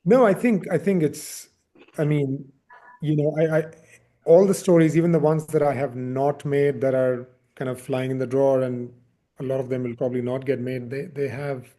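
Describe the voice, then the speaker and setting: An Indian film director answers interview questions reflectively in a warm, fairly high-pitched male voice. He often repeats words while searching for the right phrasing.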